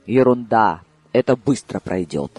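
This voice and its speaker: Brief: wry old drinker, read by a man, husky tone, lively but unhurried delivery, faint music under it. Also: fairly low pitch, dry recording. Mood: calm, wry. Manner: unhurried, dry and gently mocking. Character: calm, ironic older man, fond drinker. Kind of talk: audiobook character reading.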